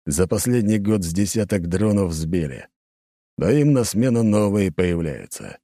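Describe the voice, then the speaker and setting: A man voicing a grudging older male guard captain who reports slowly and plainly in an audiobook. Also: deep voice, sing-song, dark tone, no echo, studio quality, heavily acted. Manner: slow, grudging, plain-spoken.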